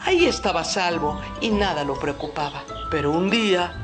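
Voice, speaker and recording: A woman narrates a children's folk tale as a storyteller. Music plays clearly behind her. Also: fairly low pitch, animated, normal speed.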